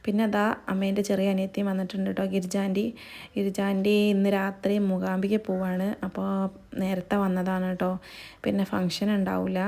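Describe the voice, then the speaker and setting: A woman's voice: mid-range voice, gravelly, dark tone. A young woman narrating her family vlog in a casual, chatty voice-over, tagging friendly asides onto her sentences. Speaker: vlogger.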